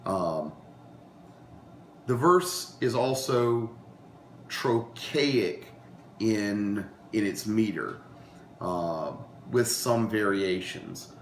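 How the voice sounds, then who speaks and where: A man with a lowish voice teaches a beginners' class while getting over a cold. He talks very slowly, with many fillers and restarts. The echoey room recording has a faint hiss. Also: animated. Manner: unhurried, frequent ums and uhs, restarts. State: recovering from a cold, coughing. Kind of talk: informal lecture to a class.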